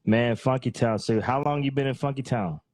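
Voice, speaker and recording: In a dry, studio-quality recording, a podcast host speaks a little fast at a medium pitch, his tone slightly mellow. His interview with the guest is casual and slangy, and "man" and "bro" keep closing his lines.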